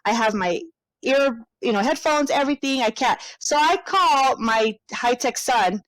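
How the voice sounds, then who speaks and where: A woman's voice: a little high, a little slow, fairly bright tone, dry recording, low-quality recording. A woman in her thirties co-hosting a podcast, chatting casually over a headset, laughing often and swearing freely. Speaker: podcast co-host.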